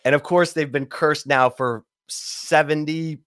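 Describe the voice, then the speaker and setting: A man's voice: a little high, fairly even intonation, unhurried, clean tone, no room sound, clean studio sound. A middle-aged man from Michigan hosting a casual sports podcast, chatty and full of stories. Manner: chatty storyteller, warm welcomes. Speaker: podcast host.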